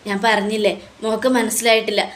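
A woman voicing a patient caretaker who speaks in a gentle, coaxing way. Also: medium pitch, little pitch movement, fast talker, natural voice.

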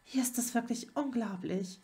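A woman's voice: on the high side, normal speed, mellow, natural voice. A woman voicing an eager, surprised young witch in a fan fiction audiobook. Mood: excited. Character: excited young witch, schoolgirl.

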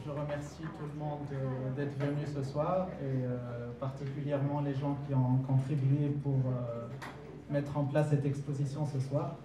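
Young man speaking in a flat, even tone. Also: mid-range voice, moderate pace. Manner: hesitant, repeating words. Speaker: artist presenting his work. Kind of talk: short speech at an exhibition opening. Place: large glass-walled hall, indoors. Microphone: handheld mic. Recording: echoey hall, mic far off, crowd.

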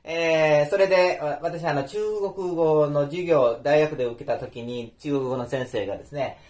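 A man giving an informal spoken lesson, explaining step by step with many pauses and fillers. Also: on the high side, fairly even intonation, a little mellow. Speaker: language teacher. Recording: roomy echo.

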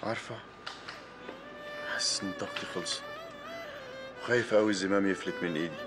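An actor playing a weary, worried husband, in Egyptian Arabic. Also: male voice, sits low, fast talker, music in the background, close to an everyday voice. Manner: weary, anxious. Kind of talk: film acting.

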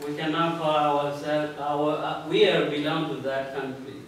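A man in his thirties from Burma, with a Burmese accent, speaking in earnest, halting English as a speaker on a community panel. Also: on the high side, level tone, slight background noise. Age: 30s. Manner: earnest, plain-spoken, halting with filler pauses. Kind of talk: personal testimony at a community panel. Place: small meeting room indoors. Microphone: far room mic. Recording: echoey room from far off.

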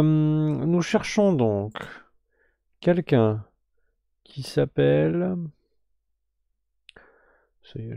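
A man hosting a live game stream, slowly drawing giveaway winners and muttering to himself with whispered asides. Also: mid-range voice, vocal fry, mellow, dry recording, studio quality.

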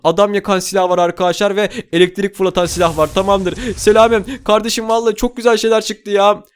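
A man doing rapid-fire gaming commentary with a high voice that stays strangely level in tone, exclaiming to his viewers as he plays. the sound is smooth and clean, and he rattles along at speed without pause. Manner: excitable, addressing viewers, exclaiming. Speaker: gaming video host. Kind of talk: game commentary role-play.

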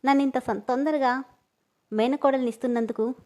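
A talkative sister-in-law comforts and gently scolds in a caring voice, as a woman reads her. She runs on at length in an audio storybook. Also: high-pitched, steady tone, moderate pace, lightly acted. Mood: consoling.

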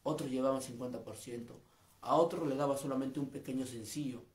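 A man's voice: medium pitch, fairly even intonation, brisk, a little mellow, reverberant. A man, a street comedian, making an earnest, aggrieved personal statement, repeating his points. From Peru.

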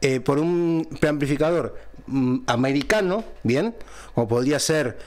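A man with a somewhat high voice walks through a microphone review and sound test in a relaxed, explanatory way, often pausing to ask if his audience is following. He speaks close into a dynamic studio mic at a home recording setup. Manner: explanatory, checks in with a frequent "¿bien?". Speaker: channel host reviewing a microphone. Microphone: close dynamic studio microphone through a mixer.

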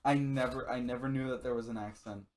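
A man's voice: medium pitch, fairly even intonation, fast, a little mellow. A young man in a casual argument with a friend on a gaming video, insisting and denying over and over, swearing and breaking into laughs.

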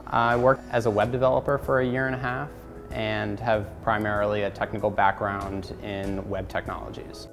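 A man's voice: on the low side, level tone, normal speed, vocal fry, a bit bright. A young man in his twenties from rural Pennsylvania, a graduate student speaking steadily and matter-of-factly in an interview testimonial. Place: indoor university hallway. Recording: long reverb with music behind.

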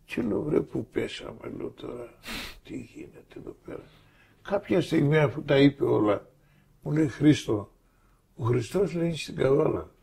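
A man's voice: on the high side, lively intonation, vocal fry, warm tone, breathy edge. An older man giving a faith testimony, telling his story with energy and acting out the voices of the people in it. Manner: acts out quoted dialogue with shifting voices.

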